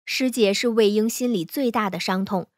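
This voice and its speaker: A woman reading fan fiction aloud in a smooth, even storytelling manner. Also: medium pitch, normal speed, no echo, clean studio sound.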